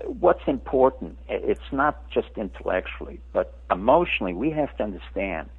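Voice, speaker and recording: A man's voice: on the low side, very animated, moderate pace, husky. A man in his seventies who grew up in France, a radio interview guest lecturing in an emphatic way. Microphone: phone. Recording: tinny phone line.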